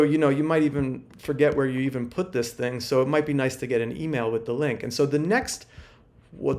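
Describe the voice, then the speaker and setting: A man's voice: a little high, darkish tone. A man teaching a screen-share workshop, casual and thinking aloud with many fillers. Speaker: workshop instructor. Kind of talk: screen-share tutorial walkthrough.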